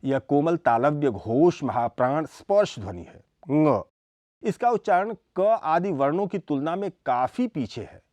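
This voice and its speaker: A man delivers a scripted lecture at an unhurried pace, his pitch rising and falling a great deal as he names each sound in turn. He sits fairly high for a man, and the close recording is dry with almost no room sound. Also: expressive, a little mellow, dry recording. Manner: slow and deliberate, listing sounds one by one.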